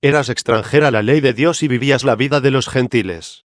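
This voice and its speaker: Man reading as the Synagogue as a challenging woman, argumentative questioning tone, mid pitch, dry close mic. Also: a little fast, dry recording, close to an everyday voice. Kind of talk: audiobook reading of a theological dialogue.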